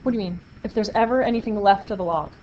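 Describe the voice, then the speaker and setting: A fast-talking woman with a medium-pitched voice gives a math lecture, keeping things upbeat and playful while encouraging her students. The sound is muffled, as is typical of a classroom recording, with faint noise underneath.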